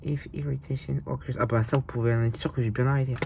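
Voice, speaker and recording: Chatting fast and steadily with vocal fry, this tired young woman has a low voice and swears a lot in her casual French vlog talk, dropping in English phrases as she goes. There's a slight hiss underneath.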